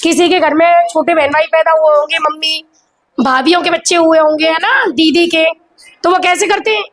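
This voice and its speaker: A woman's voice: extremely high pitch, fairly even intonation, normal speed, a bit bright. A woman teacher giving a classroom lesson, constantly quizzing her pupils in call-and-response. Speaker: primary school teacher. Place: school classroom.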